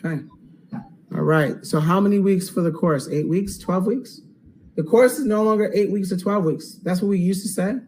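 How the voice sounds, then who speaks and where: A man hosting a live webinar Q&A, upbeat and salesy, checking in with "okay?" and going hoarse. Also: high-pitched, moderate pace, a little mellow, a little hiss or hum, low-quality recording. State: losing his voice. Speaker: online course host.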